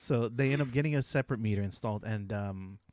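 A man's voice: fairly low pitch, fast talker, darkish tone, a little hiss or hum. A man co-hosting a casual podcast, explaining things at length with frequent ums and restarts. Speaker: podcast co-host explaining electric cars.

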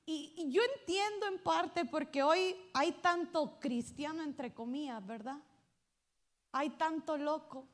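A woman pastor preaches to her congregation in a high, bright voice. She swings from loud, ringing calls to soft, hushed asides as she talks. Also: takes it slowly. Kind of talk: sermon.

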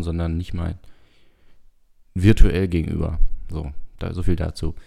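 A man hosting a casual radio podcast in a rambling monologue, with a gravelly smoker's rasp, sounding a bit tired. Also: low-pitched, warm tone. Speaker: podcast and radio show host.

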